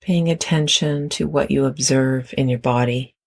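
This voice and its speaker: This meditation guide has a gravelly, medium-pitched voice and a steady tone. The instructions come gently and without hurry, with long pauses between phrases.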